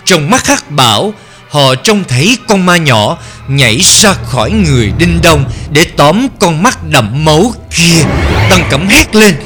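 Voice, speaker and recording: A man narrating a horror story for an audiobook in a slow, dramatic manner. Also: fairly high pitch, sing-song, a bit bright. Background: background music.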